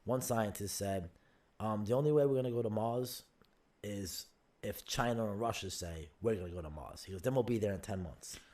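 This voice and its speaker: A man hosting a laid-back podcast, thinking out loud in a rambling, speculative way. He swears casually and his voice is a bit rough from smoking. The recording is dry and close. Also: fairly low pitch, moderate pace, dry recording. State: coughing from smoking. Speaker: podcast host. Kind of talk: casual chat.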